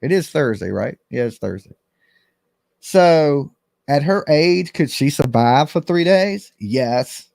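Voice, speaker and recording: A man's voice: fairly high pitch, lively intonation, slow, creaky, a little mellow, dry recording, studio quality. A middle-aged man hosting a call-in show, giving casual commentary in plain, colloquial speech. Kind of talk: casual live commentary and chat.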